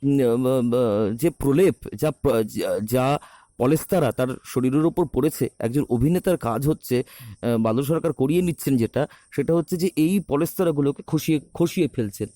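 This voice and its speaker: A theatre director and actor talking reflectively, with many pauses and restarts, recorded on a phone. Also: male voice, medium pitch, mellow, dry recording, clean studio sound. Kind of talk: recorded talk on a podcast.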